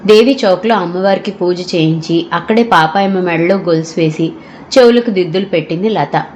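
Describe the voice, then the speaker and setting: Woman reading an audio novel, steady storyteller tone, a bit of faint hiss. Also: fairly low pitch, brisk, muffled recording. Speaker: narrator.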